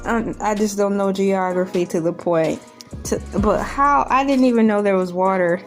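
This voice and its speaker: A woman with a mid-range voice talks at a normal speed as a video host. She offers casual, comedic commentary on a news article, adding incredulous, joking and rambling asides, with background music playing underneath.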